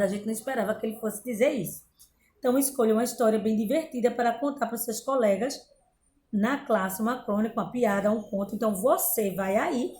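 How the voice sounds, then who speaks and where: A woman's voice: on the high side, echoey room, rough recording. A woman from Brazil teaching a remote lesson to young pupils, going through a workbook and often checking in with them. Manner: patient, explains step by step, often checks in with "tá bom?". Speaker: primary school teacher.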